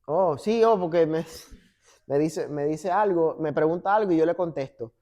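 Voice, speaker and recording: In a church sanctuary, a pastor delivers a sermon full of church banter and animated stories, acting out the dialogue himself. His voice is fairly high and moderately paced, and the audio sounds dull.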